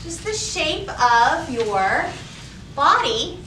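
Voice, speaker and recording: Her high-pitched voice is very animated, and she draws out her words. This woman hosts children's storytime at the library, reading picture books and giving instructions in a questioning, sing-song way; the recording is roomy, with a distant mic and faint background noise.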